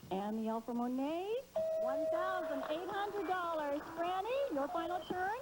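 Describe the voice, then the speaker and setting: A woman's voice: very high voice, animated, measured pace, heavy background noise. A woman hosting a TV game show with emphatic, exclamatory announcing.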